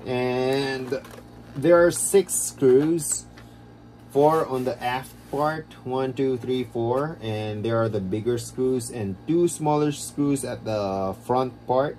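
A man vlogging a casual how-to walkthrough, explaining in a rambling, halting way, recorded on a low-quality phone camera. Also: darkish tone, slight background noise. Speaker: DIY vlogger.

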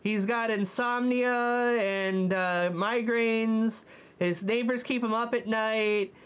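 A woman in a costume head, chatting casually as co-host of a movie review, hesitant and often pausing to find her words. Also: on the high side, steady tone, clean tone. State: speaking through a costume head.

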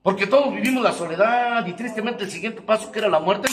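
A high-voiced man with a Mexican accent tells his story to a recovery group in a crude, joking way. He swears nonstop and now and then bursts into a shout. The sound rings around an echoey meeting room. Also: quick pace, background noise. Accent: Mexican Spanish. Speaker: speaker sharing his testimony at a recovery group. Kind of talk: profane testimonial talk.

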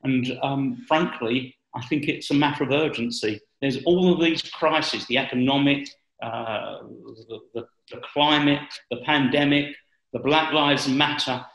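A man, talking politics in a deliberate, halting, earnest way. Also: mid-range voice, fairly bright tone, muffled recording. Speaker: political commentator. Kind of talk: political discussion. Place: bright room at home. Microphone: video call. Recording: roomy, echoey video call.

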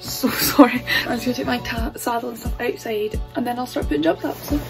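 A young woman with a slightly high voice talks chattily to her camera at a stable and riding arena, often apologizing as she goes. The camera sometimes sits a way off from her. Clear music plays under her voice throughout. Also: fairly even intonation, fairly quick, rough recording. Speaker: horse-riding vlogger. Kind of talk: casual vlog chat. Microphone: camera on a tripod, sometimes far off. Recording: clear background music over the voice.

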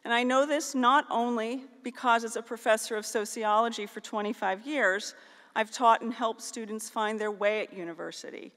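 Middle-aged american woman at a podium, formal graduation speech, slightly high voice, long hall echo. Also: moderate pace, a bit bright. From northeastern Ohio, US. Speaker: keynote speaker at a graduation. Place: large auditorium stage. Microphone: podium microphone on a stand.

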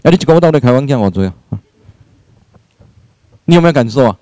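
A man's voice: medium pitch, expressive, fast, dark tone, pitched below the performer's own voice, close to an everyday voice. A man acting out a nagging old mother-in-law who scolds and finds fault. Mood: scolding. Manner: scolding, grumbling, fault-finding.

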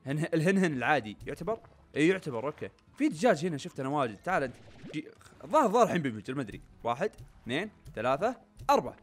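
Rapid-fire and pitched on the high side, a young gaming YouTuber keeps up excitable, chatty let's-play commentary, talking to viewers as he plays. Faint game music runs underneath.

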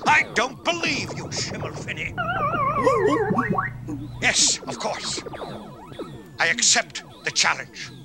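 A genial, chatty inventor from a puppet TV comedy, talking on the phone. His voice is fairly high and lively, and he takes his time. Loud music plays under him. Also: slow pace, vocal fry, long pauses, exaggerated voice.

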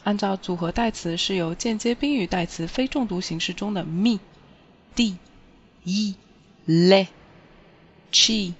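Woman, language teacher, clear step-by-step explaining, mid pitch, dull lo-fi recording. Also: a little slow, long pauses.

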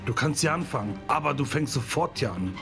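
A man's voice: medium pitch, expressive, a little fast, creaky, a bit bright, faint music behind. A man playing a bossy villain leader in a game roleplay, mocking and commanding. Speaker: roleplay player voicing a villain boss.

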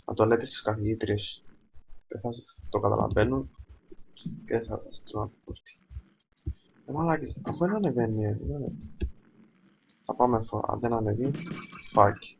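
A man with a Cypriot Greek accent doing let's play commentary, excitable, swearing often, with sudden loud outbursts. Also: mid-range voice, vocal fry, long pauses, muffled recording, slight background noise. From Cyprus. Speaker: gamer.

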